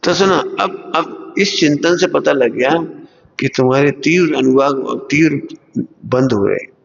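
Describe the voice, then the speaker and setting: A man giving a religious discourse to students, animated and asking his listeners one rhetorical question after another, sometimes acting out other people's voices. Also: medium pitch, measured pace, gravelly. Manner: acts out everyday quarrels in other voices. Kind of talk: Hindi sermon to students. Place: large lecture hall at a school. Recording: long hall reverb, dull lo-fi sound.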